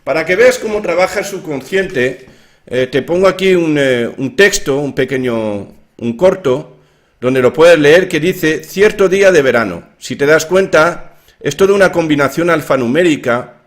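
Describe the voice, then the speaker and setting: A man explaining his own theory of language in an informal lecture, with many fillers and restarts. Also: a little high.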